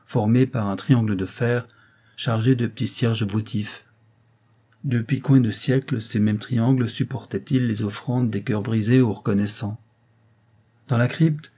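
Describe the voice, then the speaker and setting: A man reading a classic novel aloud as an audiobook, in a measured, calm way. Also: lowish voice. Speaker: audiobook reader. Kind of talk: literary audiobook narration.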